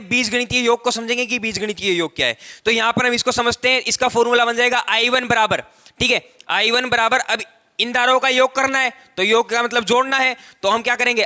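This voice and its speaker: In a very high, pushed, bright voice, a male tutor lectures at a whiteboard on a technical subject. He breaks things down step by step, returns to key phrases, and elongates words to emphasize them.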